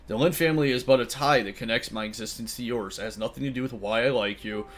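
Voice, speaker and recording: A man reading the lines of a protective male guardian tiger spirit aloud in a soft, formal, old-fashioned way. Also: mid-range voice, lightly acted. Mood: calm. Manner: formal, old-fashioned wording, read slowly and softly. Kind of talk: reading visual novel dialogue aloud.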